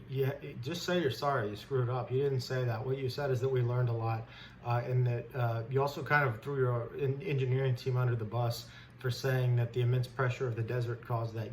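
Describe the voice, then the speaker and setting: Informal and unscripted, a stock commentary host rants bluntly and indignantly in a medium-pitched voice. He's a stock trader. The audio is poor, with background noise, though described as clear.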